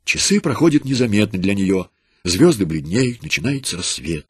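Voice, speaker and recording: A man reading a religious story aloud in a solemn, dramatic manner, with a husky voice. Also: fairly low pitch, big pitch swings, normal speed, dry recording, clean studio sound. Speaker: narrator.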